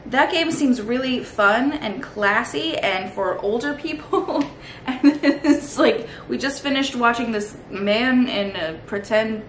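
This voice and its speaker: Sardonic woman in a roomy, echoey space. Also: mid-range voice. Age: 30s. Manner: sardonic, sweary, rambling. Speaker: host reacting to old toy commercials. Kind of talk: casual comedic commentary. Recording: roomy echo, faint background noise.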